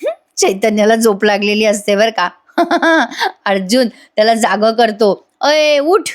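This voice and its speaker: A woman's voice: mid-range voice, animated, measured pace. A woman narrating a chatty voice-over recap of a TV serial episode, speaking to her viewers.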